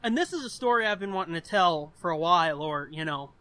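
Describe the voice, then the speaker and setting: Animated and forceful, the voice of this twenty-something American podcast host sits high and sounds bright as he talks quickly. His casual chat wanders through personal anecdotes and is laced with swearing.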